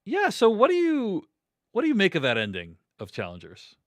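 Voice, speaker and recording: Male podcast host, animated pitch, dry close sound, talks through film scenes casually. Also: fairly quick, no echo. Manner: chatty, recapping scenes with lots of "like".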